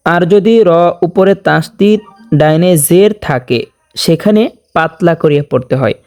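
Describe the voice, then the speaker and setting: A man teaching a tajweed lesson, explaining each rule step by step and chanting the verses very slowly. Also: a little high, animated, a little mellow, soft background music. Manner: checks in with "okay?". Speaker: Quran recitation teacher. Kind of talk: tajweed lesson with slow recitation.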